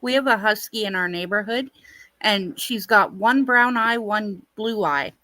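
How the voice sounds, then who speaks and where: A woman's voice: medium pitch, a little slow, bright, forceful tone, no room sound. A woman chatting casually on a live stream, telling stories with frequent laughs and fillers. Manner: chatty storyteller, laughs often, fills with "what do you call it". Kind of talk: casual chat.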